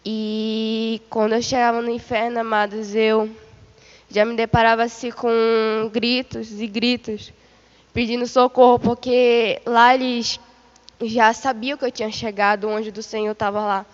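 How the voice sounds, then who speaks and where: A woman's voice: on the high side, flat delivery, a little slow, clear, resonant tone, big-room sound, lo-fi sound. A woman giving a religious testimony of a vision, retelling it in a repetitive way and calling her listeners beloved. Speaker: church member giving testimony.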